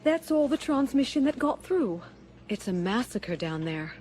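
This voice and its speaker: An actress playing a determined rebel princess and leader in an audio drama, speaking earnestly and articulately. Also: female voice, fairly high pitch, very animated, unhurried, background noise. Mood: resolute. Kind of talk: audio drama acting over orchestral score.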